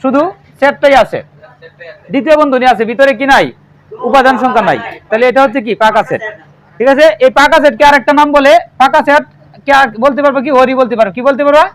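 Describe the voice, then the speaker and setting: A man's voice: very high-pitched, quick pace, a bit bright. A male math teacher with a Bangladeshi Bengali accent, giving a classroom lesson and quizzing his pupils, repeating their answers back.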